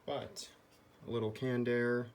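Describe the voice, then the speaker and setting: A repair video host walks viewers through a hands-on fix step by step. His medium-pitched voice stays level and unhurried, and there's clearly noise in the background.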